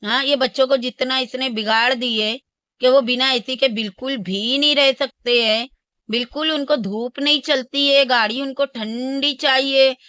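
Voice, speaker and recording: Woman, reaction host, scolding and scornful, somewhat high pitch, dry close sound. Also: fairly even intonation, unhurried, pushed and bright, smooth, no room sound, lo-fi sound. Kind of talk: casual ranting commentary.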